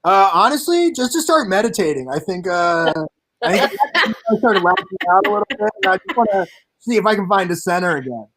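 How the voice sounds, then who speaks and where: A man's voice: sits high, very animated, fairly quick, fairly bright tone. A man playing as a comedy game contestant over a video call, wry and mock-serious. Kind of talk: casual comedy banter.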